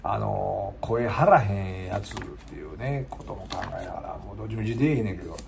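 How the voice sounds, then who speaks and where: A man with a Kansai accent chatting casually to his viewers between songs, his voice hoarse and giving out, rambling and polite. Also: on the low side, expressive, fairly quick, noisy background. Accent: Kansai Japanese. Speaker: singer-guitarist streamer.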